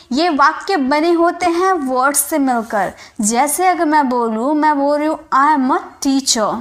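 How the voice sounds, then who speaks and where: A woman English teacher giving a spoken lesson in Hindi, explaining patiently and repeating each example slowly. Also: sits high, fairly bright tone.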